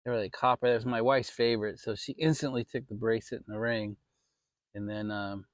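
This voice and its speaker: A man's voice: fairly low pitch, steady tone, brisk, dry recording, studio quality. An American man giving a casual, rambling, mildly salty chat to his viewers from his backyard outdoors. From Maryland, United States. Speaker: vlog host.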